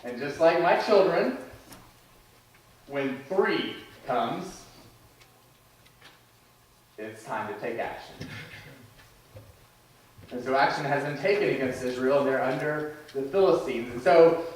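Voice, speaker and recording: Preacher in an echoey church hall. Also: male voice, medium pitch, expressive, slow pace, long pauses, far from the mic, slight background noise. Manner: conversational, with restarts and asides. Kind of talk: sermon. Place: church sanctuary.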